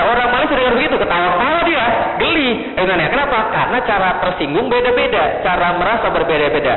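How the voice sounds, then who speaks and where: Male preacher, high and rapid, jokey, quizzes the crowd; tinny phone-like audio in a big echoing hall. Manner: jokey, keeps quizzing the crowd with rhetorical questions. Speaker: Islamic preacher addressing a seated audience. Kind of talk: lively lecture to an audience.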